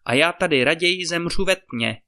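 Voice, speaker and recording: A man's voice: on the high side, animated, pushed and bright, pitched above the performer's own voice. A man reading the part of a defiant young woman in a fairy-tale audiobook, crying out her refusal.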